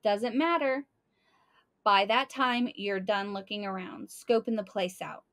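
A woman's voice: medium pitch, measured pace, fairly bright tone. A woman voicing a cocky boy detective. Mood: bossy.

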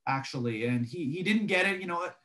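A young man co-hosting a podcast over a video call, telling fishing stories in a relaxed way with many fillers. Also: a little high, quick pace. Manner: relaxed storytelling with frequent fillers. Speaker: podcast co-host. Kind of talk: casual chat.

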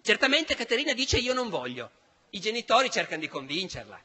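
A man in his sixties from Italy, telling history as a lecture in animated, emphatic storytelling. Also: high voice, brisk. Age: 60s. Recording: large hall with long reverb.

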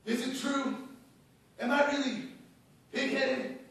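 A man's voice: extremely high pitch, fairly even intonation, slow, fairly bright tone, exaggerated voice. A young man performing a brooding, self-important superhero who soliloquizes in a comic stage act in a classroom. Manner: melodramatic, soliloquizing. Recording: echoey classroom, far phone camera.

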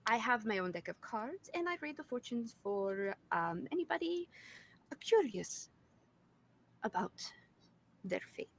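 A woman's voice: fairly high pitch, big pitch swings, a little slow, long pauses, full character voice. Tabletop fortune teller, female player acting: demure, flustered, formal and hesitant, politely apologetic. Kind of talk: tabletop role-play.

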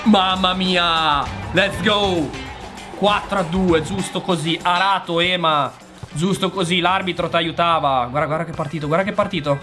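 A young man commentating his own football game match, shouting and complaining at the referee. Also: fairly high pitch, steady tone, moderate pace, over music. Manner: shouting, exasperated outbursts at the referee. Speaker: gaming youtuber. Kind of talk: excited live game commentary.

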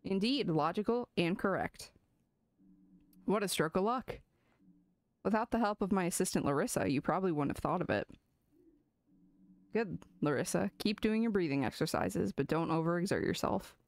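Woman reading as a smug pigeon doctor in a game, low voice, dry sound, measured bedside talk. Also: expressive, dry recording. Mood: formal. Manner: formal, measured bedside manner. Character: pompous pigeon doctor, formal and self-satisfied.

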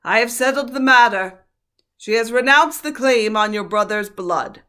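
A woman voicing a great lion king who speaks gravely, slowly and with calm command. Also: a little high, pitched above the performer's own voice.

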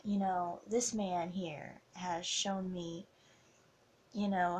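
Slow, tearful young woman vlogging. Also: mid-range voice, a little hiss or hum. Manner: tearful, heartfelt, halting. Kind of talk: emotional confessional vlog.

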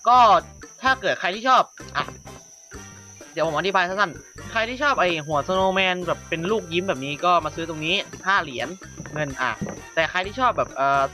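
A man's voice: sits high, expressive, brisk, bright, forceful tone, soft background music. A man giving casual, rambling commentary as he walks viewers through an online game, with many fillers and self-corrections. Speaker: gaming YouTuber.

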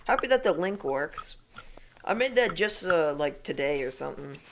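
A man's voice: on the high side, expressive, normal speed, a bit bright, a little hiss or hum. A young man streaming a hunting game, chatting casually and rambling with restarts and frustration. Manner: rambling, self-interrupting, frustrated. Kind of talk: casual live-stream chat.

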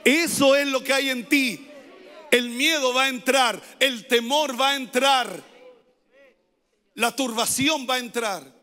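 A man preaching as a pastor, emphatic, repeating his phrases and rising at times to shouted pleas. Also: very high voice, slow pace, long pauses, long reverb tail. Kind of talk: sermon.

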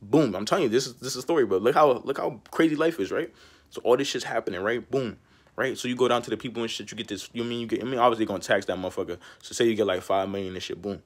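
Young male vlogger, mid-pitched, slangy and rambling; preachy street-wise advice delivered off the cuff. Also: rapid-fire. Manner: slangy and rambling, peppered with "bro" and "you know what I'm saying". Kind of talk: casual monologue to camera.

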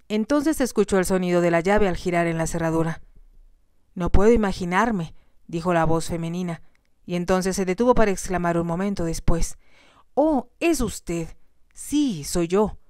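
A woman calmly narrating a romance novel as a soft ASMR reading on a close mic. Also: fairly low pitch, clean tone, no echo. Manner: calm, even narration. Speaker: storyteller.

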